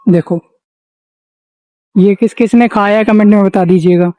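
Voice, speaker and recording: Speaking at a measured pace with a warm, steady tone, a young Indian man with a high-pitched voice chats to the camera about his village life. The audio is poor, and the vlog moves between his village home, the garden and the roadside.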